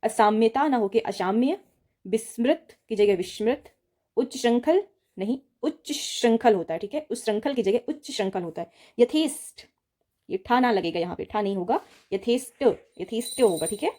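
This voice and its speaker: A woman's voice: fairly high pitch, moderate pace. A woman teaching an exam-prep Hindi spelling lesson, patiently repeating each word and often checking in with her students. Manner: addresses students directly, steady explaining tone.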